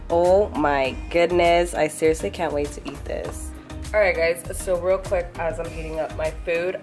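A young adult woman vlogging casually, bubbly and gushing, filling her talk with "like" and "you guys". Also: low voice. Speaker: lifestyle vlogger. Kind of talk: casual vlog chat. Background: background music.

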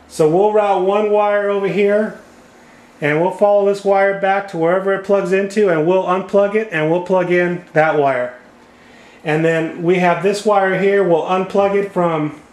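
Man explaining wiring at a whiteboard. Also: sits high. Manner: plain step-by-step explaining while drawing. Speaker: HVAC repair instructor. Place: indoor room at a whiteboard table. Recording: echoey room sound.

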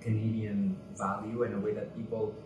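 Music plays behind this lowish-voiced man at normal speed: a pageant candidate from Cuba, in his 20s, being interviewed casually. Earnest and lively, he gestures while speaking. The bright indoor room and distant mic give the sound a roomy echo.

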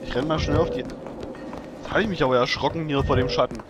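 A man comments casually on a video game as he plays, chatting away to himself and to the game character. His voice sits a little high, and steady background noise runs under the home recording. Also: quick pace. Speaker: let's play host.

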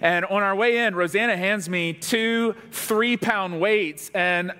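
A male pastor telling a funny, self-deprecating story during a sermon, in an animated way. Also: high voice, slow pace, clean tone.

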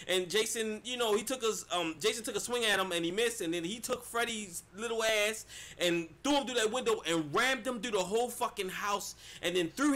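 A man giving a casual, animated movie review, swearing freely and talking straight to his viewers. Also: high-pitched. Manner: animated, swears a lot, addresses viewers as y'all.

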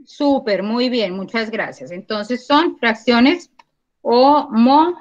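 A woman teaches a children's math lesson over a video call, her voice high and her pace unhurried. She is patient and encouraging and counts aloud step by step. The call audio sounds dull and lo-fi. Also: animated. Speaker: primary school math teacher. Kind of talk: online class. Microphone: computer mic on a video call.

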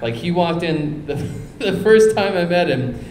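A man's voice: high voice, animated, unhurried, darkish tone, a little hiss or hum. A man, a comedian guest on a live talk show, telling wry anecdotes and breaking into laughs. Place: theater stage with live audience. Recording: roomy theater.

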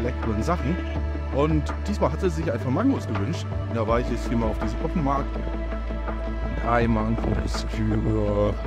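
Male vlogger, 30s, medium pitch, informal outdoor selfie-style narration, music playing loudly behind him. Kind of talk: casual vlog talk to camera. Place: open paved square, outdoors. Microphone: phone at arm's length. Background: loud music.

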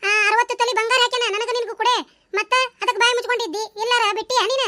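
Cartoon village wife, very high squeaky voice, bossy, North Karnataka accent, fast talker, woman voicing her. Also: fairly even intonation, pushed and bright. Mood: scolding. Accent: North Karnataka Kannada. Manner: scolding, bossy, quick retorts. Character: sharp-tongued village landlord's wife. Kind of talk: cartoon voice acting.

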